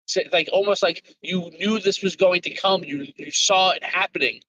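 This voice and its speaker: Brief: male player calling in from a car on speakerphone, slightly higher voice, dull lo-fi line that drops out. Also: normal speed, pushed and bright, no echo. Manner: rambling and thinking aloud. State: talking while driving. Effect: car speakerphone call. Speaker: tabletop game player. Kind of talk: casual chat about a game episode. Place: in a moving car. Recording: dull lo-fi call audio, dropping in and out.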